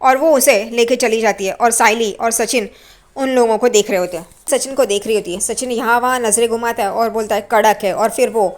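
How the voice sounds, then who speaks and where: Woman recapping a tv serial, high voice, keeps it moving. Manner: rapid retelling, quoting characters. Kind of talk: casual story recap narration.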